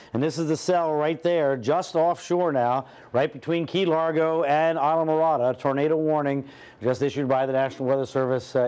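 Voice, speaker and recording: A man working as a TV weather forecaster, ad-libbing live radar commentary with hesitant pauses as he reads the map. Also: mid-range voice, a little mellow.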